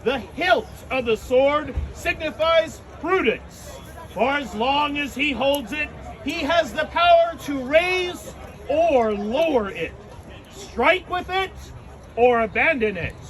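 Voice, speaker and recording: A man's voice: very high voice, lively intonation, slow, fairly bright tone, some chatter behind. A man giving a solemn, regal knighting recitation in formal ceremonial words, as the officiant.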